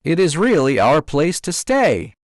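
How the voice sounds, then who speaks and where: A man's voice: fairly high pitch, very animated, unhurried, no echo, clean studio sound. A man voicing a bold, joyful young male stone monkey who leads the others proudly, in a storybook reading. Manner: exclaims in repeated short cries.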